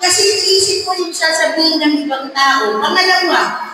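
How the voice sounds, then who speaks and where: A middle-aged Filipino woman giving a lively personal talk to a church group, teasing and asking the audience questions. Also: very high-pitched, moderate pace. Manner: mixes in English words, teasing, asks the audience questions. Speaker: speaker at a marriage encounter gathering. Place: parish hall. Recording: echoey hall, from far off, faint background noise.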